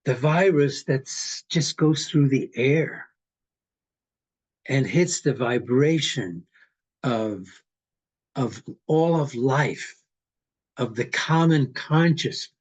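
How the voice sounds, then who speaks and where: Old guy in his 80s, from hungary, rambles slowly and philosophically, unhurried. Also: medium pitch, expressive, breathy edge, rough recording. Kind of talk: casual conversation.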